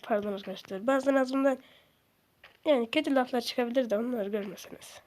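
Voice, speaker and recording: A young woman giving casual, excitable commentary while playing a video game, swearing and shrieking at it. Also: a little high, brisk. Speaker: gaming streamer.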